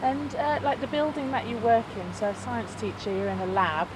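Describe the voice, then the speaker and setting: A woman's voice: a little high, expressive, normal speed, noisy background. A woman asking informal questions as an interviewer. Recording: slightly distant microphone.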